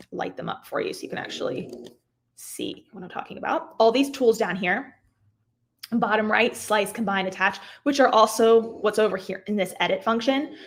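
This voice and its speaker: A woman hosting a livestream on craft software casually walks viewers through changes step by step, chatting with plenty of fillers. Her voice is mid-range, and she mentions she is losing it, clearing her throat now and then.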